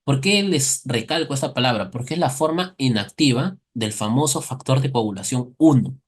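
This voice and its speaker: A man's voice: medium pitch, animated, moderate pace, slightly rough. A man giving a recorded medical class, often asking the students a question and answering it himself, with playful everyday comparisons. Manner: asks and answers his own questions, playful analogies. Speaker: medical lecturer.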